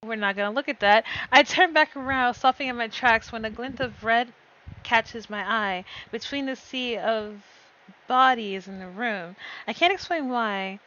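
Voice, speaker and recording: A woman streamer narrating a visual novel in first person, reading in a lively way and often stumbling and correcting herself. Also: fairly high pitch, measured pace. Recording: slightly dull with faint noise.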